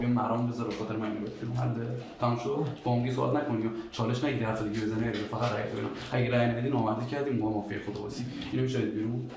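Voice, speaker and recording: Guy at a mafia game begging for one vote, same ask over and over, mic far, roomy and noisy. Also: medium pitch. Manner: persuading, repeating requests. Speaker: game player. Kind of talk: arguing in a social deduction game. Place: game cafe room. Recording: distant mic, echoey room, noise.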